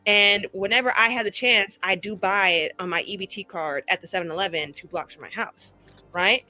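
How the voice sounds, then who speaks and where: A young adult woman speaks in a mid-range voice that's pushed and bright, at a fairly quick pace. As a cast member of a tabletop roleplaying show, she chats jokingly in a group with a slangy, theatrical, over-the-top style. Music sits behind her voice.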